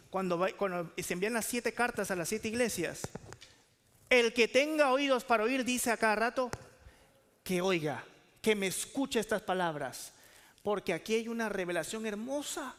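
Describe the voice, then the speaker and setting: A man's voice: high voice, moderate pace, fairly bright tone, in a large hall. A man preaching a sermon as pastor, asking the congregation questions and calling for answers.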